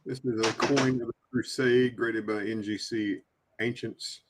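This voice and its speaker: A man presenting coins on a livestream, trading quick teasing banter with his co-host. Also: mid-range voice, steady tone. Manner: teasing, quick banter between coin descriptions. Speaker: livestream coin seller. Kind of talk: casual livestream chat.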